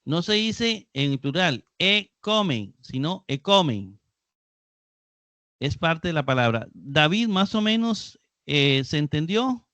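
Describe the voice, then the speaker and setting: A man leads a live online Greek grammar class at an unhurried pace, patiently repeating key terms. His voice sits a little high and sounds dry and close to the mic. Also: animated, fairly bright tone, smooth, no room sound. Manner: patient, explains slowly and repeats key words. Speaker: Greek teacher.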